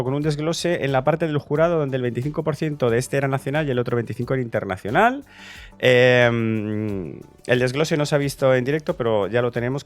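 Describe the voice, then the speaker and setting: A man's voice: medium pitch, smooth. A man from Spain chatting enthusiastically as he reacts to a song contest entry, casual and talkative. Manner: chatty, enthusiastic, restarts and fillers. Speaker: Eurovision reaction youtuber.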